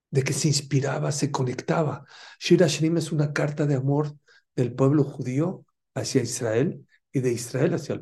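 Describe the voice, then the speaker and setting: A man's voice: mid-range voice, creaky, mellow. A man giving a fervent religious lesson, asking his listeners rhetorical questions and mixing Hebrew terms into his talk. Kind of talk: Torah lesson.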